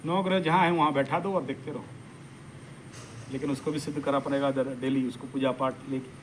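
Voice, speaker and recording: A man's voice: medium pitch, steady tone, a little fast, a little hiss or hum, poor audio. A man teaching a live workshop audience, speaking emphatically and animatedly and mixing English phrases into his talk. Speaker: astrology teacher.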